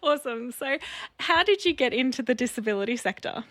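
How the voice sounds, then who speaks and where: A woman co-hosts a casual podcast, her voice a little higher than most and recorded close and dry. She sounds upbeat and friendly and asks quick questions. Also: expressive, no echo. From Victoria, Australia. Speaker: podcast co-host.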